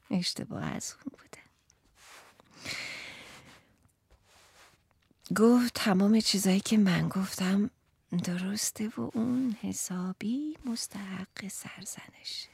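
A woman playing a fed-up, sharp-tongued housewife in a theatrical monologue, swinging from loud outbursts to whispers. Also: mid-range voice, creaky, husky, no echo. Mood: hushed, tearful.

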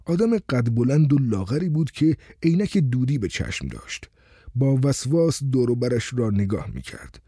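A man reading a story aloud as narrator in a expressive reading style. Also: medium pitch, breathy edge, dry recording, clean studio sound. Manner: expressive reading, voices the characters. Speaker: audiobook narrator.

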